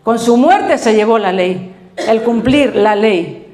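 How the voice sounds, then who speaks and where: A middle-aged woman pastor with a Spain Spanish accent, preaching a sermon in an animated storytelling way, acting out quotes and laughing as she goes. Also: fairly high pitch, slow pace, echoey room.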